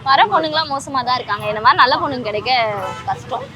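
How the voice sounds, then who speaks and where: A woman's voice: sits high, fast talker, highs cut off, loud music behind the voice. A woman interviewing passers-by outdoors on a street, firing off teasing, probing questions. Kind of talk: street vox-pop interview.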